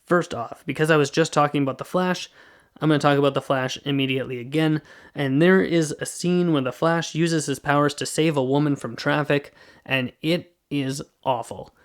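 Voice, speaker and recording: A man's voice: fairly high pitch, steady tone, moderate pace. A man hosting a solo movie podcast, reviewing a film in a casual, rambling way and often correcting himself. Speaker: podcast host.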